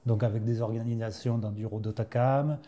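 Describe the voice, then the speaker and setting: A man of middle pitch chats freely as an interviewee. He tells stories in an easy, conversational flow, full of asides. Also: steady tone, fairly quick, dark tone. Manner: chatty, storytelling. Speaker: interviewee, teacher and trail builder. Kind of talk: casual interview.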